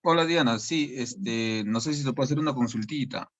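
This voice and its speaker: A man's voice: medium pitch, a little fast. Hesitant man on a dull video call. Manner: hesitant, restarts and searches for words. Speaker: participant asking a question. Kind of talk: casual question.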